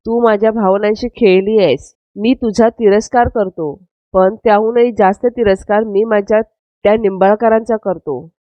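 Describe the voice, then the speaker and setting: A woman's voice: mid-range voice, steady tone, normal speed, no room sound, lightly acted. A woman voicing a betrayed, hostile young man who speaks coldly and accusingly, in a dull, dry, lo-fi recording. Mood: bitter.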